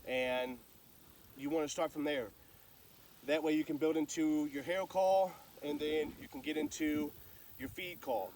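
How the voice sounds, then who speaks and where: A man's voice: on the high side, measured pace, darkish tone, distant mic, slight background noise, poor audio. A man giving casual, folksy, plain-spoken instruction as a hunter sharing calling tips.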